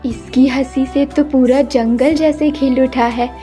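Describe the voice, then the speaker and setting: A woman's voice: sits high, steady tone, unhurried, warm tone, soft background music. A woman voicing a sorrowful young woman trapped as a flower in a cartoon story, speaking in a wistful inner monologue.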